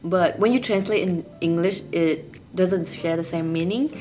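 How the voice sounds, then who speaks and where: A woman's voice: fairly low pitch, moderate pace, warm tone, soft background music. Young woman. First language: Vietnamese. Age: young adult. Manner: simple, plain phrasing in a second language. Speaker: interviewee. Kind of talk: casual interview answers.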